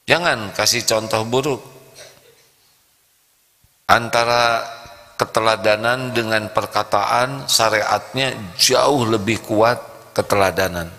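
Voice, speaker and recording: A man's voice: lowish voice, takes it slowly, pauses often, pushed and bright. A male preacher giving a sermon, playfully quizzing and joking with the congregation, with a long hall echo. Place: before a live congregation.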